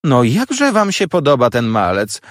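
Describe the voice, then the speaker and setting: A man voicing a stern, scolding older sister with a sharp, nagging delivery. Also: medium pitch, wildly swooping pitch, very slow, husky, no echo, studio quality, voice pushed up, full character voice.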